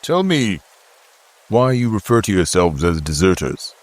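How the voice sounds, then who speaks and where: A man's voice: low-pitched, sing-song, unhurried. A man voicing a guarded, curt male farmer who is suspicious of strangers. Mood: wary.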